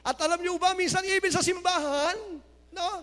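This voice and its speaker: High-voiced man preaching in a reverberant hall. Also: steady tone, moderate pace. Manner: mixes Tagalog and English, reads scripture aloud; rises to loud exclamations of praise. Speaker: pastor. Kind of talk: sermon. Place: church hall.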